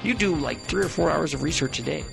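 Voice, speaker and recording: A man's voice: fairly high pitch, lively intonation, fast talker, gravelly, over music. A man hosting a radio talk show, joking with his co-host and plugging giveaways. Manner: jokey, upbeat, plugging giveaways.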